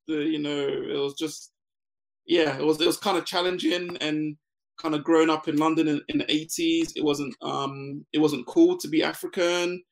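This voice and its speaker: A Ghanaian business founder in his forties is a relaxed guest in a casual interview, laughing often and leaning on plenty of fillers. His voice is fairly high, and the recording quality is low.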